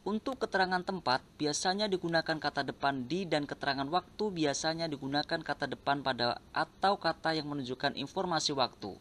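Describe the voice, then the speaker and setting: A man's voice: on the high side, a little hiss or hum. Man reading a grammar lesson. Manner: slow, even, list-like reading. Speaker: teacher.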